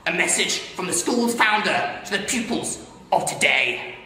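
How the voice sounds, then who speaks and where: A man playing an excitable history documentary presenter, speaking theatrically. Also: high-pitched, a little slow, slight background noise, heavily acted. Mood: enthusiastic. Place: school toilets, indoors. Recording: echoey tiled room from far off.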